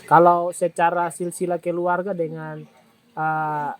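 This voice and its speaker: A man with an East Nusa Tenggara accent, asking measured interview questions and humming along as he listens. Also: a little high, little pitch movement. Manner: measured questions with frequent hums. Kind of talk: field interview.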